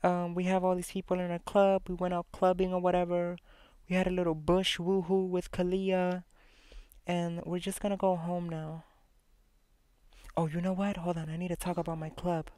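A young woman hosting a gameplay video, chatting casually and excitedly, often repeating herself. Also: lowish voice, normal speed, smooth, no room sound. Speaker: let's play host.

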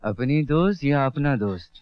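A man's voice: mid-range voice, animated, moderate pace, dry recording, close to an everyday voice. An actor playing a humble, uneducated rickshaw-puller who raised a girl as his own, in a 1980s film melodrama. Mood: scolding. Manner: pleading, emotional, rustic speech. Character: humble uneducated rickshaw-puller man, devoted foster father. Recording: dull, music behind.

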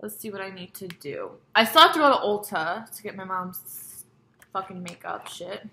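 A woman's voice: mid-range voice, animated, normal speed, vocal fry, pushed and bright. A young adult woman vlogging at home, chatting in a rambling, profane way as she eats on camera. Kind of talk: casual mukbang chat.

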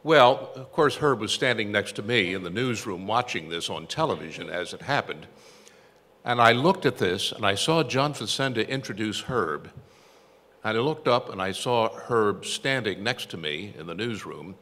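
A man's voice: fairly low pitch, lively intonation, moderate pace, sharp tone. An older man giving an anecdotal tribute speech, telling stories with self-deprecating humor. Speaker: tribute speaker, former newsroom copy boy. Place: event hall. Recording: echoey hall with long reverb.

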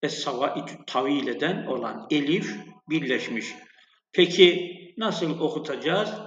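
A man gives a slow, patient lesson on Arabic letters and long vowels. His voice sits a touch high. The recording is echoey and a little dull. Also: lively intonation, fairly bright tone. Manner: slow, patient, repeats sounds and addresses students as friends. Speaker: Arabic teacher. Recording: echoey, dull lo-fi room sound.

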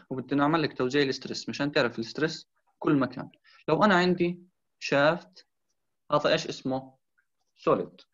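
A man's voice: fairly high pitch, a bit bright. A man tutoring engineering, explaining a drawing, repeating key points and mixing in English terms. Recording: slightly dull lo-fi sound.

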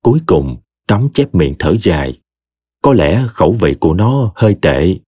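A man narrating an audio story with an expressive, dramatic reading. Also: deep voice, moderate pace, breathy edge, no echo, studio quality.

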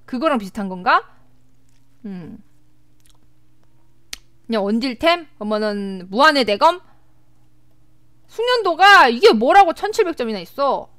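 A young woman streaming a game live, chatting with viewers and her team in an excitable, talkative way. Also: sits high, unhurried, long pauses, dry recording.

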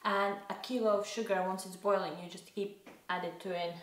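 A woman's voice: medium pitch, fairly even intonation, moderate pace, a bit bright. A young woman vlogging casually from her home kitchen, chatting as she works and correcting herself along the way. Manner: chatty, self-correcting, talks while working. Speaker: homestead vlogger. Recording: echoey kitchen with dish clatter.

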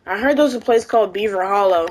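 In a rough recording, a woman with a medium, slightly mellow voice speaks at a quick pace. She's roleplaying an outlaw parent in a western game, keeping the in-character chat casual and full of fillers.

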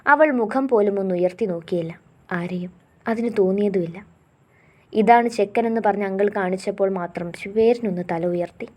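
Soft-voiced woman narrating a story. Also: mid-range voice, moderate pace.

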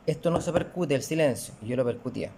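A man's voice: mid-range voice, expressive, fast, creaky, mellow, slight background noise. A male music teacher, patiently explaining rhythms and counting them aloud in a recorded lesson.

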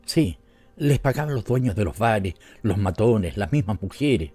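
A man's voice: on the low side, expressive, a little slow, mellow, slightly rough, soft background music. A man voicing an indignant, zealous middle-aged male missionary in a stern, vehement storybook reading.

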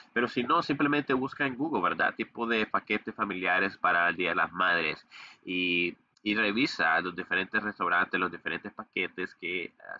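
Recorded indoors with a webcam shown in the corner of his screen recording, a young digital marketing agency owner walks through a casual screen-share tutorial, stumbling over lots of fillers and restarts. He has a fairly low-pitched, sharp-toned voice, and the audio is dull.

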